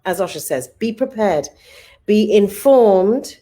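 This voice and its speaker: A woman's voice: mid-range voice, animated, slow pace, dark tone. A woman hosting a live online talk show, upbeat and effusive as she thanks her guest and viewers. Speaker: host.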